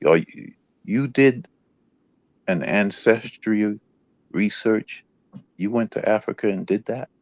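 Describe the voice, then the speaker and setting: A man's voice: fairly low pitch, slow pace, long pauses, a little mellow, no echo, highs cut off. A man in an online group call, asking pointed questions and pressing for yes or no answers.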